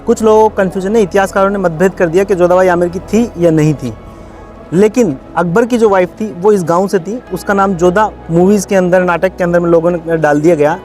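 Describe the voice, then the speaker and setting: Fast-talking tour guide man, high voice. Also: a little mellow. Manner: explains to visitors in a chatty, lecturing way with asides. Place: outdoors at a historic palace.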